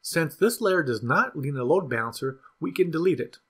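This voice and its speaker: Slightly high-pitched and husky, the man narrating this product demo walks through a scripted software tutorial. Lively shifts in pitch and a measured, teaching delivery make each step easy to follow.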